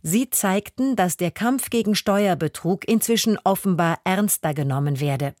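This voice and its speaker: A woman reading the radio news in a formal, even studio delivery. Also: lowish voice, moderate pace, no room sound. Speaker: newsreader. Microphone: studio mic.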